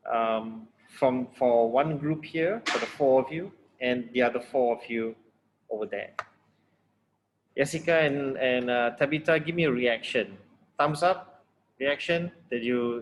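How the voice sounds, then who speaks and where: A man's voice: medium pitch, slight background noise, low-quality recording. Blunt man lecturing in an online tutorial. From Malaysia. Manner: blunt, repetitive, restarts often.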